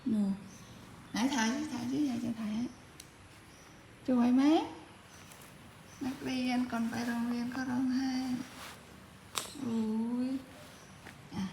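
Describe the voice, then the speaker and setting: A woman with a higher-pitched but dark-toned voice speaks slowly and flatly, with vocal fry and frequent pauses. A family member filming a young child, she chats casually and coaxes the little one with short, repeated prompts, and the recording has a roomy echo and faint background noise.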